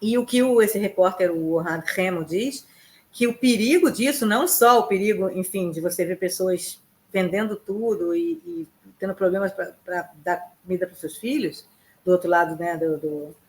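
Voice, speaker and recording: A woman correspondent giving conversational news commentary, talking in a halting way with many restarts and fillers. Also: fairly low pitch.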